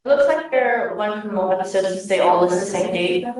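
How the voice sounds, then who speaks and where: A woman's voice: mid-range voice, a little fast, darkish tone. A female prosecutor arguing at a bond hearing in a courtroom, going through case details with frequent "uh" fillers. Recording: roomy courtroom sound.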